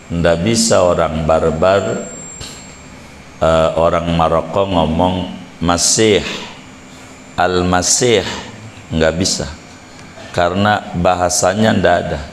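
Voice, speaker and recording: Deep gravelly-voiced male preacher, slow, echoey. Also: fairly even intonation, a little hiss or hum. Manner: chatty, joking asides, drawn-out words. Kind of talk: casual religious lecture. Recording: echoey hall with faint ambience.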